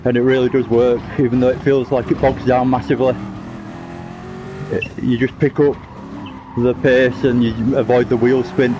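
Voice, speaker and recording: A man talks through his sim racing laps on a home stream, a bit out of breath as he explains his gear choices. He sounds chatty and self-deprecating. A clear hiss runs under the voice. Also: mid-range voice, flat delivery, moderate pace, lo-fi sound. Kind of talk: casual live commentary over gameplay.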